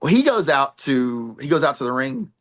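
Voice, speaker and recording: A man's voice: mid-range voice, sing-song, moderate pace, fairly bright tone. A middle-aged man, a pro wrestler and trainer, telling rambling, laughing stories in a podcast interview and swearing now and then. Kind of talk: animated storytelling in a podcast interview.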